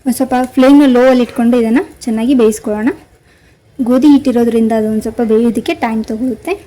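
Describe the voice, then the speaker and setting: A woman hosting a cooking channel, calmly talking viewers through a recipe step by step. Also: fairly high pitch, very fast, poor audio. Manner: calm step-by-step instructing, addresses viewers directly. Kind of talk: cooking demonstration voice-over.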